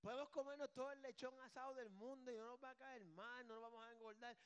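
A man preaching a sermon as a pastor, in a conversational, joking way that swings between soft asides and loud, emphatic bursts. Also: very high-pitched, steady tone, fast.

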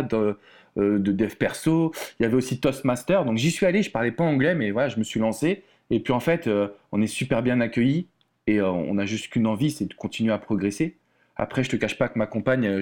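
A man from France chatting loosely as an interview guest. He talks in an easygoing way, full of fillers and restarts, at an ordinary mid pitch for a man. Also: darkish tone. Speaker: relationship coach, guest. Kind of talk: casual interview chat.

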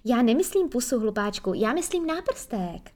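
A well-behaved, motherly young girl from a storybook, played by a woman. She sounds prim and reasonable, her voice lifted a little higher than the narrator's. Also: very animated, a little mellow. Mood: teasing. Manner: prim, reasoning, a bit fussy.

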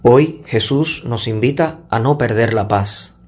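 A man speaking as a priest at Mass, measured and deliberate, in solemn liturgical reading and preaching. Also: mid-range voice, slightly rough, highs cut off. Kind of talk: solemn Gospel reading and homily. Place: church Mass livestream.

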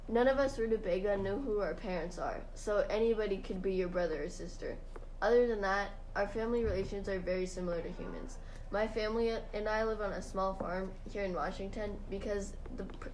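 A woman's voice: medium pitch, fairly quick, a little mellow, a little hiss or hum, close to an everyday voice, rough recording. A woman voicing an earnest, proud male rutabaga in a mock interview, giving matter-of-fact scripted answers. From Sweden. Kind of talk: mock interview role-play.

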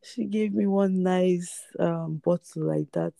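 A young woman co-hosting a casual podcast chat, croaky from just waking up, laid-back and quick to laugh. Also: fairly low pitch, fairly even intonation, dark tone, no echo, clean studio sound. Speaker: podcast co-host.

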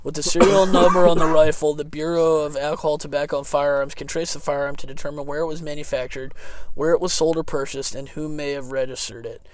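A man with a somewhat high voice hosts a casual podcast, reading news items aloud and breaking into laughter mid-sentence. He rambles, restarts and trails off with fillers. The sound is dry and close to the mic. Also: steady tone, fast talker, no room sound. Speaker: podcast co-host.

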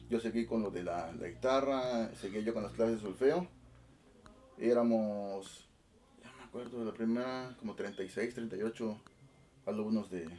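A man in his twenties from Oaxaca with a Mexican Spanish accent, chatting relaxed and laughing in an interview about his music. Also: medium pitch, distant mic, slight background noise. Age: 20s. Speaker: guest musician, band director. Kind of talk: casual interview chat.

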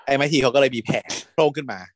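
A man retelling a series in casual chat, camp and lively, acting out the characters' lines. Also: medium pitch, fast, dry recording, studio quality. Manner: animated, camp, switches into character voices. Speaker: storyteller recapping a series. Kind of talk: casual retelling with acted quotes.

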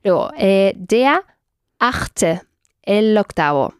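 A woman's voice: mid-range voice, animated, extremely slow, smooth, dry recording, studio quality. A woman teaching German in a one-on-one lesson, patiently correcting pronunciation.

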